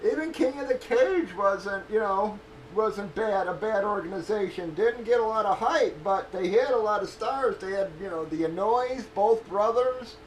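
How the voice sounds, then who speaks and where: A man's voice: high voice, lively intonation, moderate pace. A man streaming casually, telling a rambling, profane story and stalling as he gropes for names. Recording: echoey room with faint ambience.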